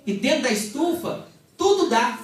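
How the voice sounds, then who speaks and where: A woman with a Brazilian Portuguese accent preaching a sermon at a church service, telling stories lively and acting out the quoted dialogue. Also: sits high, moderate pace. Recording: echoey hall, mic far off, congregation behind.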